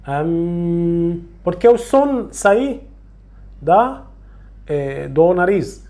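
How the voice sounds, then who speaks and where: Slow, patient recitation teacher. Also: medium pitch, animated, darkish tone. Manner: slow, patient, repeats sounds and words to demonstrate. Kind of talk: slow tutorial on Quranic recitation rules.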